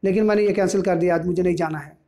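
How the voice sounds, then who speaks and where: A man's voice: high-pitched, fairly even intonation, very fast, dark tone, close to an everyday voice. A male teacher voicing a sulky young daughter with a flaring temper.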